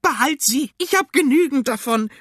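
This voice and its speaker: A man voicing a shrill, cheeky old woman, a cucumber witch in a children's radio story, with a nagging, scolding manner. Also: animated, normal speed, fairly bright tone, no echo, studio quality.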